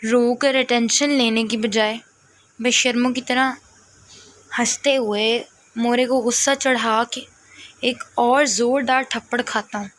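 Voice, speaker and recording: A woman voicing a cheeky, relaxed young man who teases playfully. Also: very high-pitched, no echo. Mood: teasing. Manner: teasing, playful.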